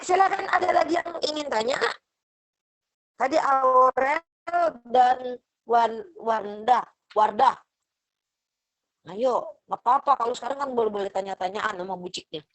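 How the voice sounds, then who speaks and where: Middle-aged female lecturer, a touch high-pitched, warm chatty teaching over a call. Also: poor audio. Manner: motherly, chatty, acts out parents' lines. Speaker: university lecturer. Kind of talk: online class lecture. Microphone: video call.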